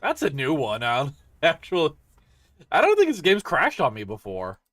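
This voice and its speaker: Sleepy man with a lively voice. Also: on the high side, normal speed, no echo, studio quality. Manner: tired, yawning, rambling with many fillers. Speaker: streamer. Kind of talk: casual gameplay commentary.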